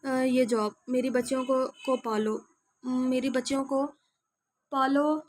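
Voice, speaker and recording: A woman's voice: high-pitched, steady tone, natural voice. Brief: a tearful, pleading young mother, read by a woman narrator for an audio novel.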